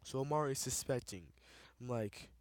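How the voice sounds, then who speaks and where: A man's voice: medium pitch, normal speed, dry recording. A young man giving casual, rambling commentary over his game footage, often tripping over repeated words. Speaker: let's play gamer.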